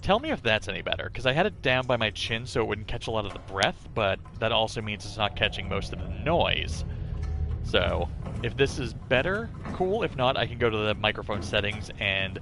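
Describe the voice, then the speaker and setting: A man's voice: fairly low pitch, sing-song, moderate pace, gravelly. A man doing casual live game-stream commentary, chatting and thinking aloud as he plays. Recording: music behind the voice. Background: music.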